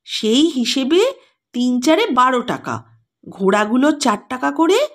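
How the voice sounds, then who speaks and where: A bubbly, giggling young woman bursts out her news in a high, sing-song voice, as a woman narrator puts her on. Her pitch leaps around in quick excited runs. It is a storybook reading. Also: exaggerated voice. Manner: giggling, breathless bragging.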